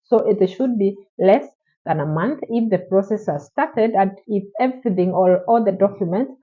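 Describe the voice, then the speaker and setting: A woman with a medium-pitched voice speaks at a moderate pace over phone-quality audio. Vlogging from Oman, she answers viewers' questions straight to the camera, encouraging and repetitive, in a casual advice format.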